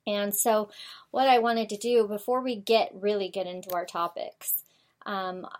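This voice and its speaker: A woman's voice: mid-range voice, steady tone, unhurried, darkish tone. Chatty woman hosting a talk show. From United States. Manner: rambling, many fillers and restarts. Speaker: show host. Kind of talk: casual talk show monologue.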